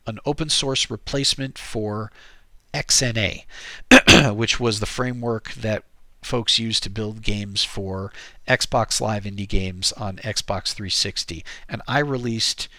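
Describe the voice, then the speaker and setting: Slow, nasal American man with a cold. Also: on the low side, pushed and bright, dry recording. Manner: rambling, with many fillers and restarts. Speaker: streamer and game developer. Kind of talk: casual live-stream chat.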